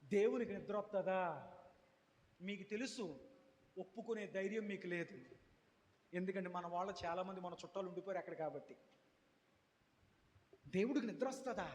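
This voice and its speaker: A man's voice: high-pitched, moderate pace, pauses often. A man pastor preaching a sermon, telling a story dramatically, acting out the quotes and calling for amens. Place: church prayer hall. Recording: echoey hall.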